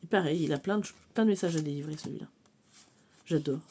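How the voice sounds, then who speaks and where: A woman chatting casually about her oracle cards, full of fillers and quick to laugh. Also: deep voice, warm tone, slight background noise. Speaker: cartomancy vlogger. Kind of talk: casual show-and-tell of oracle decks.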